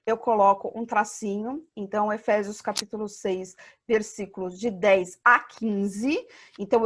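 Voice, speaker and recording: Brazilian woman teaching an online Bible class. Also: on the high side. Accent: Brazilian Portuguese. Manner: explanatory, asks and answers her own questions.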